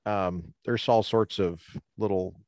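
A man from Colorado co-hosting a casual talk show, talking in a rambling, halting way with many restarts, standing outdoors by the ocean on a cold day. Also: lowish voice, steady tone, a little mellow, no echo. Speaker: podcast co-host. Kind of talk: casual chat.

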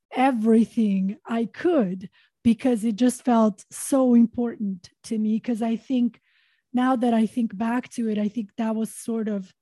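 A woman's voice: a little high, warm tone, dry recording. A woman from Montenegro, a podcast guest, talking earnestly in a reflective interview with many fillers and repeated words.

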